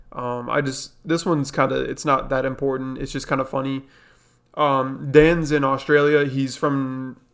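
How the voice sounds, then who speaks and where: With a medium-pitched voice and noticeable vocal fry, this young reaction-video host chats casually. He leans heavily on filler words and says things more than once.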